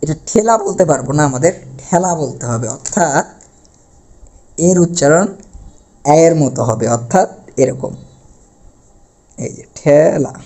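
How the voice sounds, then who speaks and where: A man's voice: on the high side, lively intonation, measured pace, pauses often, warm tone. A man teaching an online grammar lesson, explaining patiently and repeating key words, with frequent fillers.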